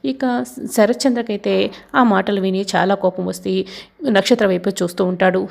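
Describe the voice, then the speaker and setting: A woman narrating a TV serial story in a brisk, plain storytelling manner. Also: medium pitch, fairly even intonation, gravelly.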